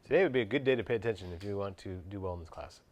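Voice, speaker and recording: A man's voice: lowish voice, racing, darkish tone, muffled recording, slight background noise. A man teaching a music class, asking the students questions and singing short parts to illustrate them. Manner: quizzes students, scats examples. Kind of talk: classroom lecture.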